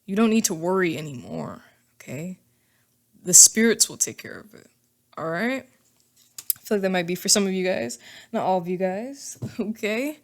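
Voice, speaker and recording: A woman's voice: medium pitch, lively intonation, moderate pace, pauses often. A woman giving a casual spoken tarot reading into a microphone, reassuring and chatty, often checking in with "okay?" and "all right?". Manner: chatty and informal, with fillers and asides. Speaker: tarot reader.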